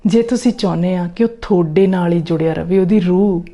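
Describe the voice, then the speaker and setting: A woman gives parenting tips to camera in a warm, coaxing way, often checking in with her listeners. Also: fairly low pitch, fairly quick. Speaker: parenting coach.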